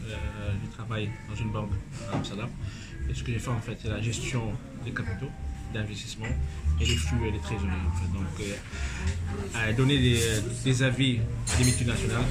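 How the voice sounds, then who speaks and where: A man in his thirties, from Congo, calmly explaining his work as an interview guest. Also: on the low side, fairly quick, poor audio. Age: 30s. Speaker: guest, banker and coffee importer. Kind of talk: interview answers. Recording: loud music underneath.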